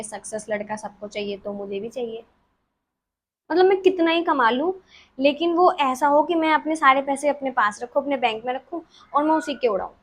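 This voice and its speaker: A woman of twenty, chatting casually as a vlogger answering follower questions in her bedroom, giggly and self-mocking. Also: a little high. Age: 20s. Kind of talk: casual chat.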